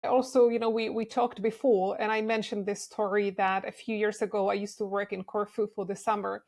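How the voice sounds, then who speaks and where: A young woman from the Czech Republic, talking as a guest in a casual interview, relaxed and candid. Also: mid-range voice, fairly quick. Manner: relaxed and candid, with frequent restarts and laughs.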